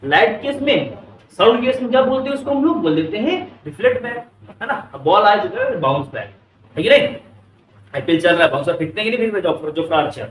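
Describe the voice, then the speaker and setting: Quick-paced and high-voiced, with lively intonation, a male Indian English-accented physics teacher keeps quizzing his class and calling the students "beta." It's captured by a distant mic in an echoey classroom with slight background noise.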